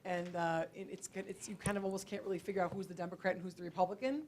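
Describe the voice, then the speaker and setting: A woman instructor holds an informal question-and-answer session with students at an indoor college library event before an audience. Her lowish, darkish voice is fast with little pitch movement, conversational and hesitant with repeated words, over slight background noise.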